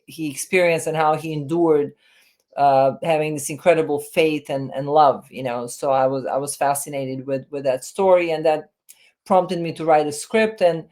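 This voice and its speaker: Low-voiced woman in her fifties. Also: fairly even intonation, moderate pace, a little mellow. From Serbia. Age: 50s. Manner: hesitant, many fillers and restarts. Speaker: film director and writer, guest. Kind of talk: remote interview, reflective storytelling.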